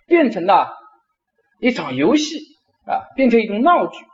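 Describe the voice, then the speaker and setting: A middle-aged man, a university professor, giving a lecture and telling stories with drawn-out particles. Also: high-pitched, highs cut off. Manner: animated storyteller, frequent drawn-out particles. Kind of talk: lecture with storytelling.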